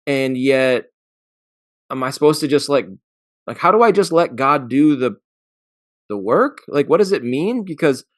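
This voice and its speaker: A man talks through a scripture passage in a reflective, searching way, often restarting and posing questions to himself. His voice sits at an ordinary middle pitch, and the recording is dry and close. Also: expressive, measured pace, long pauses, no room sound. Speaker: podcast co-host. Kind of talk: casual discussion of scripture.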